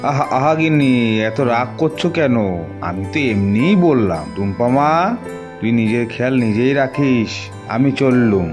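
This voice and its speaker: A man voicing a soft-spoken village father in a cartoon story, gentle and placating. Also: mid-range voice, normal speed, natural voice. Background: music.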